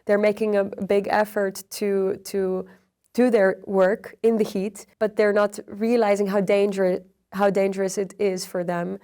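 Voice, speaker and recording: A young adult woman, a PhD researcher, explaining in measured interview answers with frequent ums and uhs. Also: medium pitch. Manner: measured, even, with frequent fillers. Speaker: PhD researcher on extreme heat.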